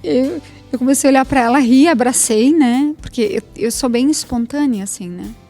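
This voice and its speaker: A woman's voice: high voice, moderate pace, mellow, faint music behind. A woman, a guest on a program, telling her personal faith testimony in a spontaneous, chatty way with many tag questions. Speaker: interview guest.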